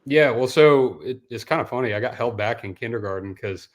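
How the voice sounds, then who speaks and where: A young man from Denmark, guest on a casual podcast interview, talking in a relaxed, rambling way and saying dude often. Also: mid-range voice, a little fast. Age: young adult. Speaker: guest, professional bass angler.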